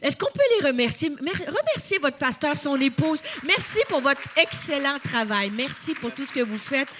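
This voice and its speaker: A woman's voice: high-pitched, expressive, moderate pace, fairly bright tone, slight background noise. A woman in her fifties with a Québécois accent, preaching a sermon and calling on the congregation to respond. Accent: Québécois French. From Quebec. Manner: emphatic, calls on the congregation to respond. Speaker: guest preacher.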